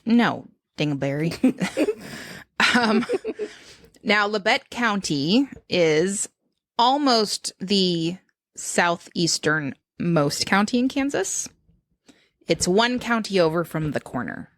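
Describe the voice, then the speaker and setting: Brief: woman podcast host, lively pitch, dry close sound, giggly and animated. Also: slow, no echo. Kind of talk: casual chat.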